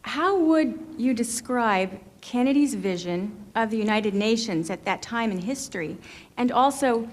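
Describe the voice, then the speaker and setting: A woman's voice: fairly high pitch, expressive, unhurried. Polite woman asking from the floor. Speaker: audience member asking a question. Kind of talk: question from the floor.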